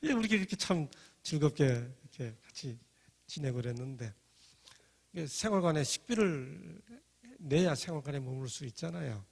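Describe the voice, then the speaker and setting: Husky middle-aged man telling a story. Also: on the high side, moderate pace, long reverb tail. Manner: lively, acts out quoted voices. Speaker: speaker giving a personal testimony. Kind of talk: storytelling testimony talk.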